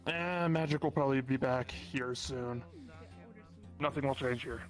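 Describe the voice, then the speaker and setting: A man's voice: medium pitch, unhurried, faint music behind, close to an everyday voice. A man playing an unbothered, evasive magic insider in an online role-play, laconic and matter-of-fact. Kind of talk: improvised in-character role-play chat in an online game.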